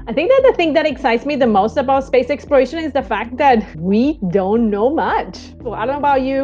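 A woman's voice: a little high, a little mellow, muffled recording. A woman in her thirties from Colombia, speaking English with a Colombian Spanish accent and Spanish as her first language, explaining eagerly as a space mission flight director on a video call through earbuds. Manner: eager, explanatory, tags lines with "right?". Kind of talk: recorded video interview. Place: small indoor room, seated in an armchair. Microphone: wired earbud mic on a video call.

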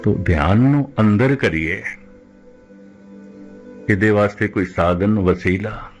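Older man, preacher, low-pitched, measured repetitive sermon, faint background music. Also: highs cut off. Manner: measured, repetitive phrasing, slows to recite scripture. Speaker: Sikh preacher giving katha. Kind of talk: religious discourse, katha.

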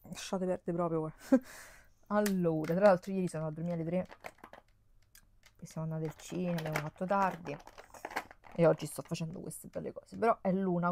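Giovane donna romana, voce grave e roca. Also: female voice, fairly low pitch, a little mellow, a little hiss or hum. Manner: chatty, exclamatory, laughs often. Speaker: beauty vlogger. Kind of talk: casual chat while decluttering makeup. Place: indoors at home, on a bed. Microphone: camera mic, face off-screen.

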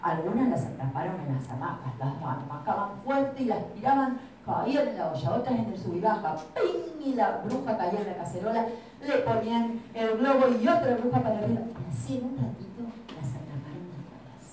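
A woman telling a children's story live, animated and playful, with sound effects. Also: medium pitch, fairly quick, distant mic, a little hiss or hum. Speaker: oral storyteller. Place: library hall. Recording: echoey hall, voice heard from afar.

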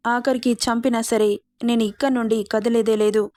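A woman's voice: fairly high pitch, level tone, fairly quick, warm tone, no echo, lightly acted. Defiant young heroine pleading, read by a woman. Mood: indignant, earnest. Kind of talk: storybook romance reading.

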